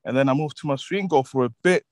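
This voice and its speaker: Relaxed young man, dry close voice. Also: mid-range voice, fast talker, no room sound, poor audio. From Zimbabwe. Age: 20s. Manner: relaxed, laughs often, repeats words. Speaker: musician guest. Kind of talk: casual interview chat.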